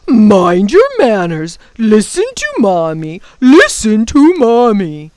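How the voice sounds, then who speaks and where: A woman voicing gleeful, rude swamp creatures from a children's storybook, taunting with drawn-out, mock-sweet exclamations. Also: mid-range voice, big pitch swings, a little mellow, no room sound. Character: jeering, gleeful shaggy swamp monsters, rude and mocking.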